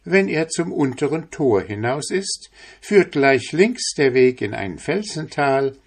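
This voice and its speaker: A man's voice: fairly high pitch, very animated, slow, slightly rough, pitched above the performer's own voice, exaggerated voice. A chatty tailor's wife, voiced by a man reading the tale, lifts her voice well above his own and explains the way in a helpful tone. It sounds like a storybook reading.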